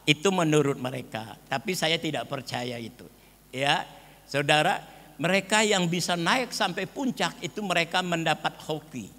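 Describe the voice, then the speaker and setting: Older guy preaching, high bright voice, big church echo, slow and stretched. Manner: addresses the congregation often as brothers and sisters; slow, drawn-out emphasis on key words. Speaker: pastor. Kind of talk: sermon. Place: church hall. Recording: reverberant church hall.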